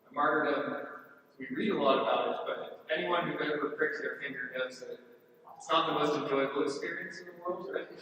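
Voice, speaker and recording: Priest in a booming cathedral echo. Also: male voice, fairly bright tone. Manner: questions the congregation, adds "right?". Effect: cathedral echo, long reverberation. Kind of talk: celebrating Mass and preaching a homily to schoolchildren. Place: large church. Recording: echoey church from far off, audible hiss.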